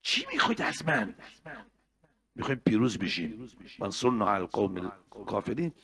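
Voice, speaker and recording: A man preaching an emotional mourning sermon, moving between hushed, tender passages and loud, chanted lament. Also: lowish voice, sing-song.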